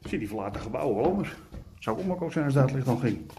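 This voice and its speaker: Filming himself at arm's length, this forties-aged urbex vlogger chats loosely and fills his thoughts with ums while scooting around outside, then reaches a stairwell indoors on his way home. He speaks at a medium pitch, animated and racing, and the recording is very noisy.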